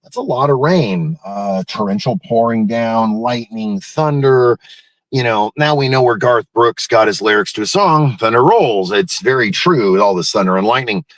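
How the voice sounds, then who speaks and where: A man's voice: mid-range voice, lively intonation, normal speed, dry recording. A man hosting a live morning show in a casual, folksy, rambling way, wandering from one thought to the next.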